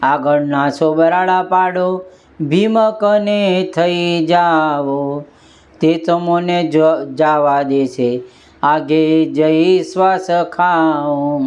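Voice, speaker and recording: A man voicing the god Shiva as a calm divine male figure, chanting verse in a steady melody in a dull lo-fi recording. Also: a little high, drawn-out words. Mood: reassuring.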